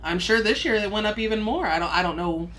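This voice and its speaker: A woman co-host in a casual podcast chat, relaxed and a bit salty. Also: medium pitch, quick pace.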